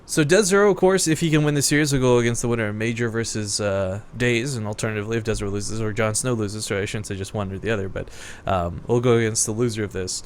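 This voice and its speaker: A man's voice: lowish voice, fast talker, hardly any pauses, slight background noise. A man casting a video game match, chatty and upbeat, laughing often with his co-caster. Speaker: esports commentator. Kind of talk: casual play-by-play commentary.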